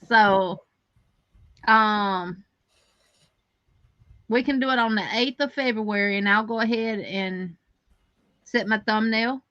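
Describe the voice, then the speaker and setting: This woman's mid-range voice is a bit bright as she co-hosts a crochet livestream, chatting plainly and using plenty of fillers. The sound is lo-fi, with no room sound.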